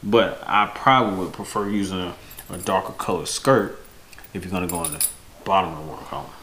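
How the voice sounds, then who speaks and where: The man's low-pitched voice is creaky, pushed and bright, with lively intonation and a slightly fast pace. In his thirties, he gives unscripted, casual fishing-vlog tips about a product to the camera from a windowed room at home, correcting himself as he talks. Noisy home camera audio gives it a roomy sound.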